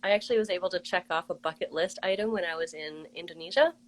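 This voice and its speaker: A woman hosts a casual live interview with a slightly lower voice. She is chatty and bubbly and laughs easily. She tells her stories with lively enthusiasm. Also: quick pace, poor audio. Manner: bubbly, giggly, chatty storyteller. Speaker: host.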